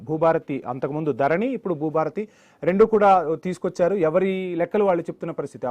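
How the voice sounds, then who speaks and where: A man hosting a TV news debate, pressing his guests with quick questions. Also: sits high, a little mellow.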